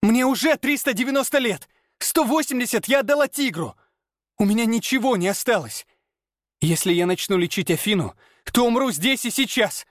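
Male reader doing a frantic centuries-old healer woman, high pleading cries. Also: animated, normal speed, fairly bright tone, no room sound, clean studio sound. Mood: desperate. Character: desperate 390-year-old woman healer.

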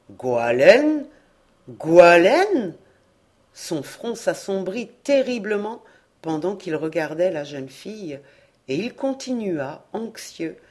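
Slow, low-voiced woman reading a novel. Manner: slow, measured, expressive reading. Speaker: audiobook reader. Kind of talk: literary audiobook narration.

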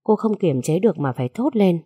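A woman narrating a story in a steady, unhurried reading. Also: fairly low pitch, breathy edge, no echo, studio quality.

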